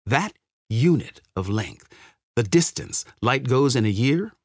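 A man reads in a measured space documentary manner, his voice slightly rough-edged and widely varied in pitch. His phrasing is deliberate and dramatic, swelling and falling with emphasis. The sound is dry and close. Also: very animated, dry recording. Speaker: audiobook narrator.

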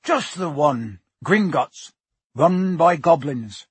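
A man voicing a gruff, friendly giant gamekeeper, hearty and proud, with husky, folksy, colloquial speech. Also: a little high, animated, slow pace, no room sound, heavily acted. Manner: folksy, colloquial, dropped words.

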